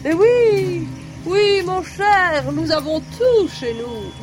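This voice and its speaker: An actress playing a feverish, delirious spy woman in a radio drama, rambling between hushed words and outbursts. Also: extremely high pitch, expressive, slow pace, music in the background, exaggerated voice.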